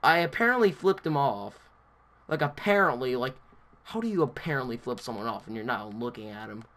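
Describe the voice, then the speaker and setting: A man's voice: medium pitch, lively intonation, fairly quick, a bit bright. A young man vlogging, telling a story in a rambling, casual way with lots of filler words.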